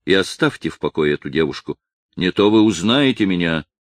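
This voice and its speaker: A man's voice: deep voice, lively intonation, brisk, no room sound. A man voicing a poor but proud old father who speaks sternly and with indignation.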